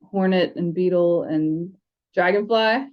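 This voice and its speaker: A lowish-voiced American woman speaks at a slow pace, reading stories aloud and chatting casually about books as a fan-podcast co-host and audiobook reader. The highs in the audio are cut off.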